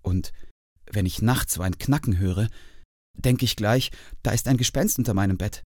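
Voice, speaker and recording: A man plays a fearful little hare with a raised, quick, worried voice. The storybook recording sounds close and dry. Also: lowish voice, a little mellow, no echo, natural voice. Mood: anxious. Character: timid young male hare, anxious.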